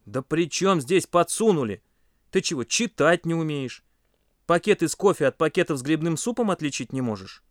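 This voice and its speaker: Male narrator as firm, scolding camp instructor, good-natured, lively storybook voice. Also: fairly high pitch, normal speed, no room sound, clean studio sound, voice pushed up, close to an everyday voice.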